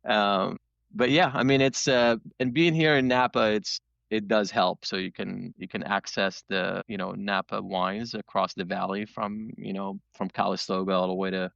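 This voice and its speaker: Male interview guest from Morocco, gravelly, casual, rambling storyteller. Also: fairly low pitch, moderate pace, no echo, lo-fi sound. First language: Moroccan Arabic or French, not English. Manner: relaxed storytelling, frequent fillers. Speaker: guest, startup founder. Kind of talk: conversational interview.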